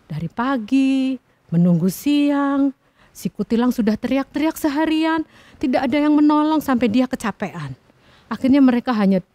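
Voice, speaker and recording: Lively woman telling a children's story. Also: mid-range voice, no echo. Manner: expressive, questions the children directly. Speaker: Sunday school teacher.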